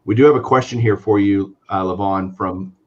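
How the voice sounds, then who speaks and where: A man with a low voice co-hosting a casual collectors' chat. He sounds relaxed as he passes along viewer questions. His audio comes through dull and muffled. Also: moderate pace. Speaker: co-host.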